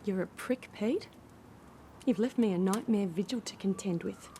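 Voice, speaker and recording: An actress playing an irate, sharp-tongued suburban woman, indignant and insulting in a radio drama. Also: medium pitch, moderate pace, background noise, natural voice.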